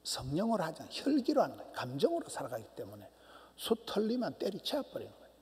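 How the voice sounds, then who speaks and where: A middle-aged man, a pastor, preaching a sermon emphatically, swinging from loud cries to hushed near-whispers. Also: on the high side, wildly swooping pitch, fast. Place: church sanctuary. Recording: long church hall reverb.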